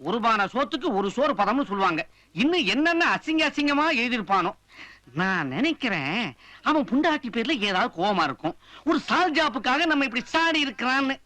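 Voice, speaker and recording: A high-voiced aging father. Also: very animated, a little fast, sharp tone, no echo, full character voice. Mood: indignant. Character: aging father, hurt but resigned. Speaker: father of the household. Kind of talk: 1980s film acting.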